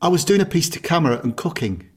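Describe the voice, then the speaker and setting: A man's voice: a little high, sing-song, quick pace, darkish tone, slightly rough. A middle-aged man, co-hosting a podcast and telling stories with frequent laughs. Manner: chatty storyteller, laughs often. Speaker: podcast co-host. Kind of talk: casual chat.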